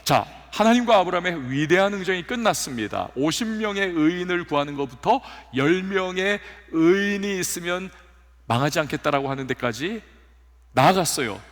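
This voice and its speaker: A male pastor preaching a sermon in a church, telling stories with lively acted-out quotes. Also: high voice, normal speed. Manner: animated storytelling with acted quotes. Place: church sanctuary. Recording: long hall reverb.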